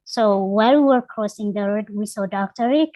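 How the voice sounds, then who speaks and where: A young woman from Ethiopia, a guest on an interview podcast, telling her life story in an earnest, halting way, with many fillers. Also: mid-range voice, dark tone, dry recording, low-quality recording. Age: young adult. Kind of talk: personal storytelling.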